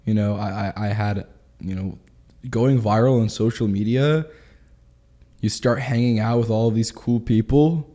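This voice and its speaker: A man of twenty, telling his story in a candid interview in quick, animated bursts. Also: lowish voice. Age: 20s. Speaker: guest.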